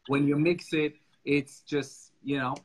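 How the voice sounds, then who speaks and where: A man's voice: a little high, steady tone, a little slow. A man hosting an interview, chatting with energy and asking playful questions. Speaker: podcast host. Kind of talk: casual interview chat.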